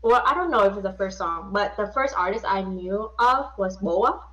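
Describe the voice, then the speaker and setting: A woman's voice: medium pitch, expressive, normal speed, fairly bright tone, muffled recording. A woman from Vietnam, chatting casually on a podcast in a hesitant, self-deprecating way with many fillers. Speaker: podcast co-host. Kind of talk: casual chat. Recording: distant mic.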